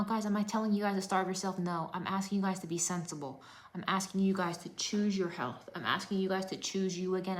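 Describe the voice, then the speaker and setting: Woman, fitness coach, motivational livestream, impassioned, repetitive, whispered emphasis. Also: mid-range voice. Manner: impassioned, repeats lines for emphasis, drops to whispers. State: emotional.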